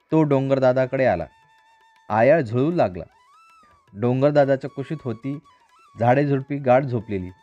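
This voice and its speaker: Guy reading a kids story, steady rhythmic voice, dry dull sound, soft music under it. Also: medium pitch. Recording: dry, slightly dull recording.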